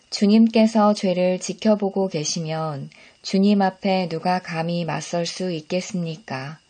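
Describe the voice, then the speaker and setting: A woman reading psalms and Bible passages aloud in a calm, measured devotional style. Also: on the low side. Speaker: scripture reader.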